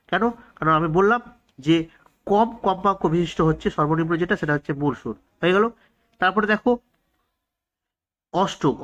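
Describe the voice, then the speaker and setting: A man with a Bengali accent runs through exam quiz answers in a rather high voice, repeating each key fact so it sticks. The recording sounds dull and lo-fi. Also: fairly bright tone. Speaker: quiz teacher. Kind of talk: exam-prep science lesson.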